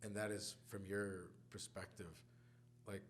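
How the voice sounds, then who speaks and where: Chatty animated man co-hosting. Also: low-pitched, unhurried, a little hiss or hum. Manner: chatty, animated storyteller who laughs often. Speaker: podcast co-host. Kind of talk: casual chat.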